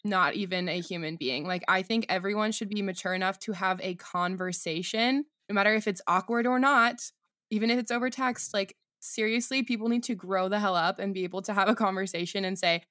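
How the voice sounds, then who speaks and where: A woman's voice: mid-range voice, fairly even intonation, a little fast, a bit bright. A woman in a casual chat, speaking bluntly and opinionated, with frequent fillers of like. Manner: blunt, opinionated, says like a lot.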